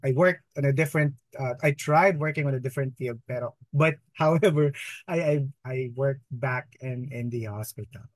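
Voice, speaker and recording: A man's voice: medium pitch, moderate pace, no echo. A Filipino-accented man in his thirties telling a personal story conversationally as an interview guest, slipping Tagalog words into his English. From Philippines. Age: 30s. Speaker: interview guest, emergency room nurse.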